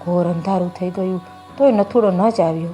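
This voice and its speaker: Mellow woman reading a folk tale. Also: fairly low pitch, normal speed, soft background music. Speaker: storyteller. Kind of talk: audiobook folk tale narration.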